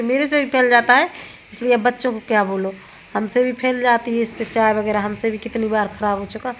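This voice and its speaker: A woman in her thirties with a sore throat vlogs at home in her kitchen and on her rooftop, her voice on the high side against slight background noise. Doing chores, she chats and rambles casually, often correcting herself.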